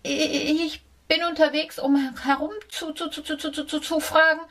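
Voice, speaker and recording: A tiny, trembling mouse from a children's storybook, squeaking in a very high voice. She stutters over her words and her voice shakes, though she can still push out loud, urgent pleas. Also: flat delivery, a little slow. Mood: frightened stammer. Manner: stammering, trembling. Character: small timid stammering female mouse. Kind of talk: audiobook character voice.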